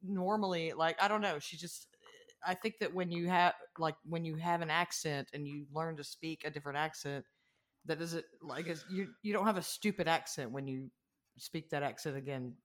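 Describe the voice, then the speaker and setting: A man's voice: a little high, normal speed, a bit bright. A man in a casual movie discussion, talking in a hesitant, self-correcting, hedging way. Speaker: podcast co-host.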